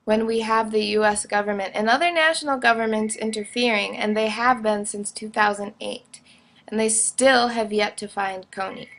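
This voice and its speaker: A young woman talks casually into her camera, sharing a strong opinion in a chatty, emphatic way, with lots of fillers. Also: a little high. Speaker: vlogger.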